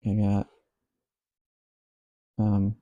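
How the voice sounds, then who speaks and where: A man thinking aloud while he codes, musing slowly and half to himself. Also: lowish voice, completely flat delivery, mellow, dry recording, highs cut off. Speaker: software developer.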